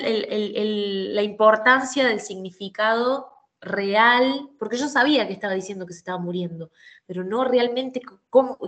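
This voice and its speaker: A young adult woman from Argentina with an Argentine Spanish accent, a singer telling her story in a casual interview, animated and full of fillers and restarts. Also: mid-range voice. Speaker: guest singer.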